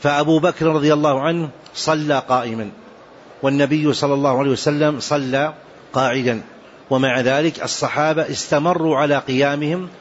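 A man teaching a religious lesson on prayer rulings, speaking slowly and deliberately and repeating key points for emphasis. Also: fairly high pitch, steady tone. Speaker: Islamic jurisprudence teacher. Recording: dull lo-fi recording with faint noise.

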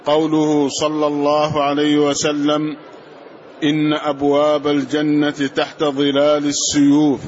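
A man's voice: fairly high pitch, monotone, unhurried, slight background noise. A man reading a commentary aloud in class, reciting the quoted passages for the teacher. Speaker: student reading the text aloud. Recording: dull lo-fi recording.

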